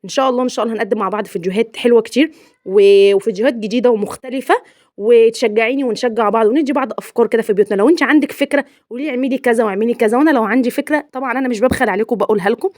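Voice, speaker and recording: A woman's voice: a little high, very fast, darkish tone, no echo, studio quality. A young woman with an Egyptian Arabic accent, narrating her home vlog in a chatty, playful way and laughing often. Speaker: home vlogger.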